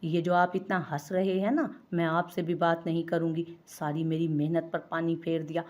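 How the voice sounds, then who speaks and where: A woman's voice: fairly low pitch, flat delivery, moderate pace, a little mellow, close to an everyday voice. Woman doing a cheerful teasing young man. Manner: teasing, playful.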